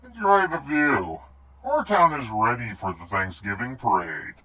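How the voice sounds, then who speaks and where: A man voicing a suave, sly skeleton villain in a game, calm and patronizing, with a theatrical drawl. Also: medium pitch, a little slow, heavily acted, poor audio. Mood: sly, soothing.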